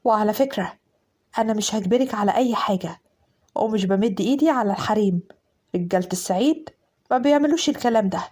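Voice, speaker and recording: A woman's voice: medium pitch, darkish tone, pitched below the performer's own voice, close to an everyday voice. A woman voicing a stern commanding husband. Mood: cold. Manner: slow, firm, laying down orders. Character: stern domineering Upper Egyptian husband, cold and commanding.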